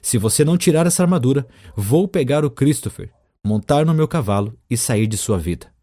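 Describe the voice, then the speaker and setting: A man's voice: mid-range voice, lively intonation, fairly quick, dark tone, close to an everyday voice. A man voicing a frustrated, reproachful wife. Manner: reproachful, demanding. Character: impatient, frustrated wife of a knight.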